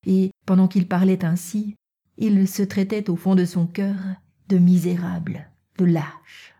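A woman reading a classic novel aloud as an audiobook narrator, softly and at times half-whispered. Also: fairly low pitch, little pitch movement, unhurried. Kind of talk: scripted narration.

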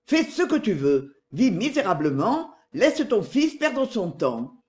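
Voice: medium pitch, big pitch swings, takes it slowly. A narrator voicing a fifty-four-year-old woman who snaps back at her brother impatiently. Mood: weary. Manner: sharp, impatient retorts.

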